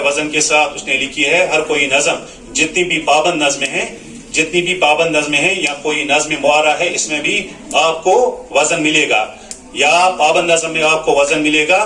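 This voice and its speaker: A man's voice: fairly high pitch, bright, forceful tone, slight background noise. A man teaching a lesson, explaining pronunciation patiently and often checking that his students follow. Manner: explanatory, repeats "है ना" to check understanding. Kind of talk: classroom lesson on Urdu poetry recitation. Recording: echoey room, mic at a distance.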